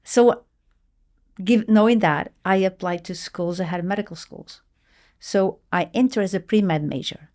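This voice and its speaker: A woman's voice: medium pitch, unhurried, a little mellow. A middle-aged woman from Portugal, telling her life story earnestly in an interview, with hesitant restarts. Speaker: guest, marketing executive.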